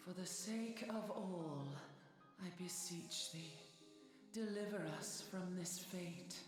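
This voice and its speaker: A woman playing an unearthly, disembodied crystal deity in a video game, speaking solemn, archaic lines slowly. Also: fairly low pitch. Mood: solemn, beseeching. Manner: slow, solemn, archaic delivery. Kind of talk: scripted video game dialogue. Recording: echoing voice over game music. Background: game music.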